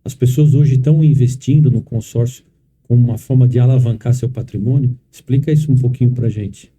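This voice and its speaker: Husky, dark-voiced man hosting a podcast. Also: medium pitch, fairly even intonation, a little fast. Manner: asks long, framing questions. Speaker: podcast host. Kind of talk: interview questions.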